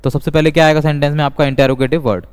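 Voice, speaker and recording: A man teaching an English grammar lesson, speaking slowly and deliberately and repeating each example sentence. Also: fairly high pitch, level tone, smooth. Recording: long reverb.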